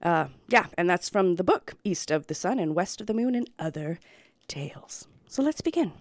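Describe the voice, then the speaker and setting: A woman hosting a radio show with a low, husky morning voice, chatting playfully before reading a folk tale aloud. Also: expressive, normal speed, dry recording. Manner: playful, self-mocking, chatty. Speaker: radio host. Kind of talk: casual radio chat and storytelling.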